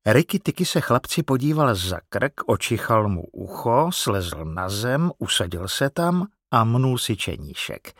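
Expressive man reading a storybook. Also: medium pitch, dry recording, clean studio sound. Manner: expressive, animated. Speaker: narrator.

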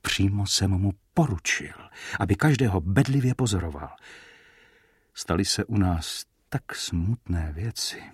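A man's voice: deep voice, expressive, slightly rough, no room sound, studio quality. A man voicing a wary hotel owner. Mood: worried. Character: wary middle-aged male hotel owner. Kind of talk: audiobook character voice.

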